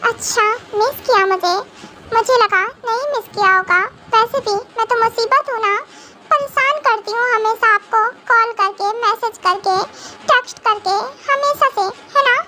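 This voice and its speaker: A woman's voice: very high voice, normal speed, bright, forceful tone, slight background noise. A woman voicing a clingy young girlfriend in a fan audio drama, pouty and touchy.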